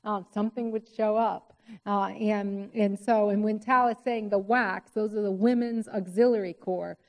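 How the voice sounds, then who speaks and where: A woman presenting at a conference, guiding the story in a lively way with many fillers. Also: mid-range voice, normal speed. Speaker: co-presenter and moderator. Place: lecture hall. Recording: hall reverb.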